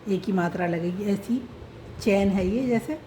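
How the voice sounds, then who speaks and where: Female teacher, slow and patient, mellow voice, faint noise behind. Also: medium pitch, rough recording. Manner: spells out letters patiently. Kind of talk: slow script lesson.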